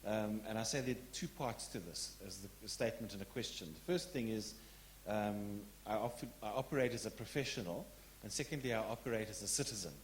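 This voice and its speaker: A man in the audience of a public lecture, making an earnest, frank statement and putting a question with some halting restarts. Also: fairly low pitch, a little hiss or hum. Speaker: audience member asking a question.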